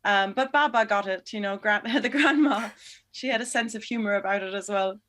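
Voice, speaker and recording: Appearing as a guest, a woman who directs documentary films works through her interview answers, a little hesitant and thoughtful as she pauses and restarts to find the right words. She speaks at an ordinary pitch with a slightly bright tone.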